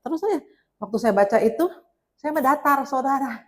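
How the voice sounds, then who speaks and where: A woman evangelist delivers a sermon built around a personal story. She speaks in a lively, animated way and often addresses her listeners directly as brothers and sisters. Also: high-pitched, fairly quick. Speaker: evangelist preacher.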